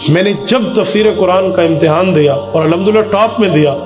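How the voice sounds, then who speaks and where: Echoey high-voiced male preacher. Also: music in the background. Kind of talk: sermon.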